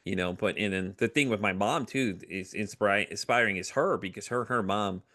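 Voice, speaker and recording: Low-voiced middle-aged man, candid storyteller. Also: brisk. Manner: animated, acts out quoted voices, frequent fillers. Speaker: podcast guest.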